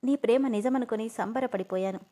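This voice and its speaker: A woman's voice: fairly high pitch, fairly quick, warm tone, close to an everyday voice. A woman voicing a wronged young woman who pleads through tears. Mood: tearful. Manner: pleading, tearful.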